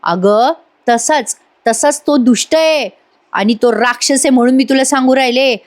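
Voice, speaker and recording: A woman's voice: high voice, normal speed, close to an everyday voice. A woman voicing a scheming, meddling older village aunt who talks in a pleading, wheedling rural way. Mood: urgent.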